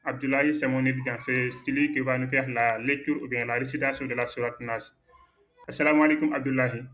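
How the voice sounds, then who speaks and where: Guy teaching quran tajwid, crisp bright tone, lots of euh and repeats. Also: medium pitch, steady tone, fast, muffled recording. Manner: patient, repeats corrections, many hesitations. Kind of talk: tajwid lesson with corrections.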